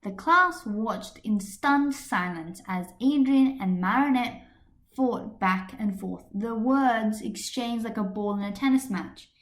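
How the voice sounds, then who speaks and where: Speaking at a slow pace in a slightly high voice, a woman narrates a scripted story as an amateur fan fiction reader. The built-in computer microphone captures an echoey room.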